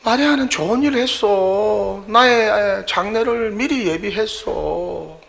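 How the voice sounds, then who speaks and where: Pastor doing a calm teacher guy, firm but gentle, a bit gravelly. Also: high-pitched, slow pace, voice pushed up, heavily acted. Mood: gentle rebuke.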